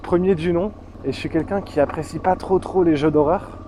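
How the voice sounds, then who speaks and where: A man's voice: a little high, brisk, dark tone, a little hiss or hum, poor audio. Chatty man with a southern French accent. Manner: chatty, swears freely, rambles with fillers. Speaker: motorcycle vlogger. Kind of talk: casual vlog while riding.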